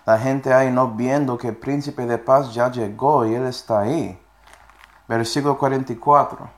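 A man's voice: medium pitch, steady tone, normal speed. A man preaching a sermon, reading scripture verses aloud and often checking in with his listeners with short questions. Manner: reads scripture verses aloud between explanations.

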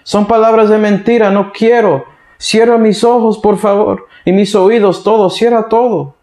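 A man's voice: high voice, fairly even intonation, unhurried, darkish tone, pitched above the performer's own voice. A male preacher acts out a sulky king who wants no bad news. He whines and complains in a raised, pleading voice. The sound rings around an echoey room. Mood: whiny. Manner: whiny, complaining. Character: petulant stubborn king refusing hard truths, man.

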